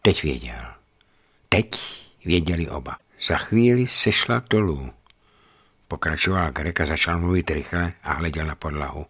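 A man narrating a literary audiobook in a measured, grave manner. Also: a bass voice, lively intonation, fairly bright tone, breathy edge. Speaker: audiobook reader.

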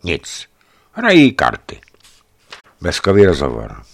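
A man narrating a scripted travel account in a measured storytelling manner, with vivid emphasis. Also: low-pitched, huge pitch swings, creaky.

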